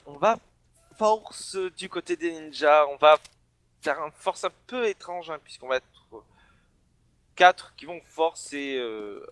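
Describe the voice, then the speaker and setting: A man from the south of France, casting an esports match solo and bursting into shouts on big plays. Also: fairly high pitch. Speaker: esports caster. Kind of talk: solo play-by-play commentary.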